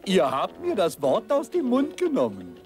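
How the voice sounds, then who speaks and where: A man's voice: high voice, wildly swooping pitch, moderate pace, darkish tone. A man voicing a dim-witted, naive, whiny male outlaw posing as a lady in a dubbed cartoon. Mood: naive, eager. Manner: naive, mock-ladylike, plaintive. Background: music.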